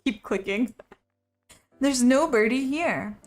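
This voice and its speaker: A woman's voice: on the high side, expressive, slow pace, faint music behind. A young woman streaming a visual novel, playfully reading its narration and lines aloud. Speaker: game streamer.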